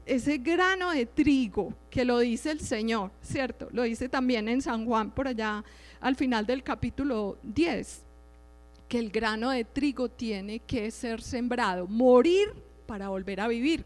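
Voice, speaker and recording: A middle-aged woman gives a religious teaching mixed with personal testimony. She speaks in a conversational way and keeps checking in with her listeners. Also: on the high side. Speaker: lay preacher giving testimony. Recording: reverberant hall with faint music behind.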